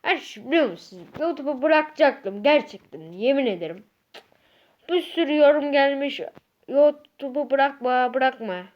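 A woman's voice: high-pitched, animated, brisk, highs cut off. A woman giving casual gameplay commentary as a YouTuber, ranting in an agitated way and repeating herself a lot. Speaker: gaming YouTuber.

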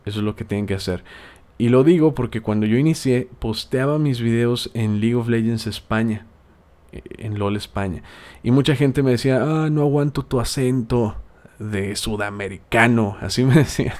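A man's voice: mid-range voice, a little fast, mellow. A man from Tijuana with a Mexican accent, hosting a casual podcast and giving friendly, rambling advice with frequent hesitations. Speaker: podcast host and video maker.

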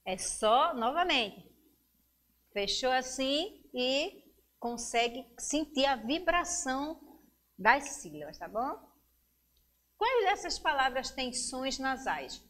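Slow, encouraging woman teacher. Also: high voice, very animated, fairly bright tone. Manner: slow, clear and encouraging, drawing out words for young pupils. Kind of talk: children's lesson on a local education channel.

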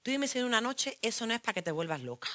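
A woman's voice: a little high, quick pace. Frank Spain Spanish woman performing a monologue. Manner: lively, frank, crude colloquial storytelling addressed to the audience. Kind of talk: theatrical monologue.

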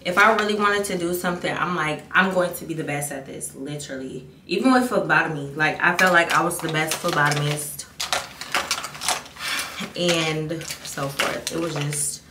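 A candid young beauty vlogger with a deep voice talks casually to camera at normal speed, rambling and often starting over. She is indoors in her bathroom at home, where a far-off camera mic catches echo and background noise.

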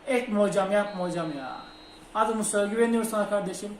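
A young man commentating his own football video game, muttering between plays and shouting at goals. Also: high-pitched, quick pace, a little hiss or hum. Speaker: gaming channel host. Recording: roomy home recording with game music behind.

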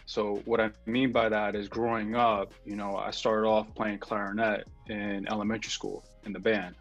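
Husky low-voiced New producer. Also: male voice, level tone, normal speed, lo-fi sound, soft background music. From New York. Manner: laid-back, rambling, slangy, with many fillers. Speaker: guest music producer. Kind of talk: casual interview on a video call.

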